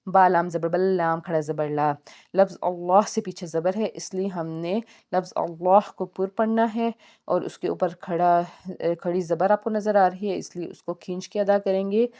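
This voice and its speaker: A woman's voice: on the low side, steady tone, dark tone. A woman teaching Quran recitation rules, spelling out each letter and vowel syllable by syllable. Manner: slow measured syllable-by-syllable spelling. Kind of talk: spelling-out tajweed lesson.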